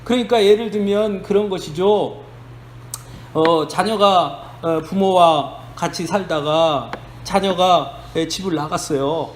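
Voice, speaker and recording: A man's voice: high voice, takes it slowly. A man preaching a sermon as a pastor, telling the story conversationally and asking rhetorical questions of the congregation. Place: church sanctuary. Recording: echoey church hall, faint noise.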